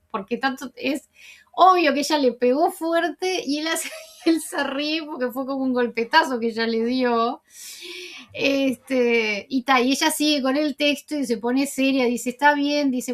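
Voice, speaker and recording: A woman hosting her own channel, casually retelling TV scenes in a chatty way, with frequent pauses and filler words. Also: sits high. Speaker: series recap channel host. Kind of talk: casual spoken recap of TV scenes.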